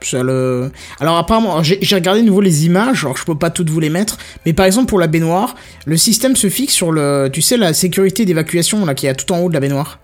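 A man's voice: fairly high pitch, animated, fast, few pauses, soft background music. A man co-hosting a casual podcast, explaining a news item with many hesitations and restarts. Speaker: podcast co-host. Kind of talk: casual tech podcast chat.

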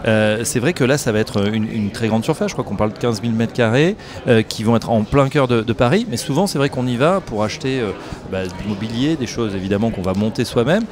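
Brisk male interviewer amid crowd noise. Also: medium pitch. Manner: conversational, rephrases and sums up. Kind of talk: trade-show interview questions. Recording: busy trade-show crowd behind. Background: crowd chatter of a trade fair.

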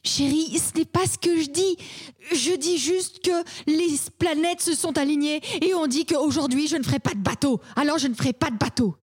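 A woman improvises a jittery, superstitious woman in a comedy sketch. She sounds high and keeps fretting that misfortune is coming. Her worry never lets up. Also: moderate pace, lightly acted. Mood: fretful. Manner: fretful, full of foreboding. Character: anxious superstitious woman who trusts her horoscope.

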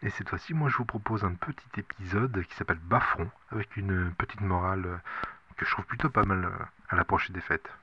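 A man's voice: low voice, a little fast. A male host casually introduces an item. He speaks hesitantly, feeling for the right words. The recording is dull and a little lo-fi.

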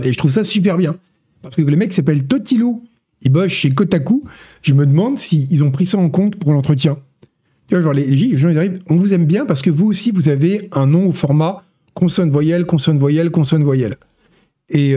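Hoarse man chatting gaming news. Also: fairly high pitch, warm tone. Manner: rambling, joking, many fillers and restarts. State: hoarse from illness. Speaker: host of a gaming news show. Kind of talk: casual live-stream news chat.

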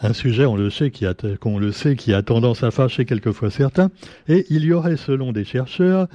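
A man's voice: mid-range voice, mellow, no room sound. A man hosting a casual press review, chatty and sarcastic, with many fillers and asides. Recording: dull lo-fi sound.

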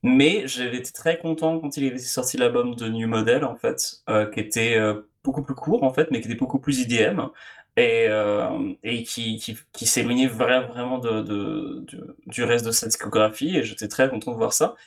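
A man's voice: mid-range voice, fairly even intonation, moderate pace. A man co-hosting a podcast, talking casually about music with frequent hesitations and repeated words. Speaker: podcast co-host.

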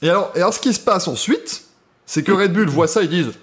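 A man with a French accent hosting a casual motorsport podcast, animated and laughing often between many fillers. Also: sits high, quick pace. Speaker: podcast host.

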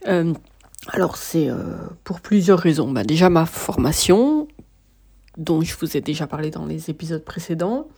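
A deep, husky, creaky yet mellow female voice swings widely in pitch at a normal speed. She's a worn-out host of a casual one-person podcast, talking hesitantly with many fillers and restarts.

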